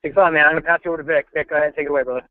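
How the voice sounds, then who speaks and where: Fast-talking male interviewer on phone line. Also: on the high side, steady tone, a little hiss or hum. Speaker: interviewer on a boxing show. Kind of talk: casual sports interview.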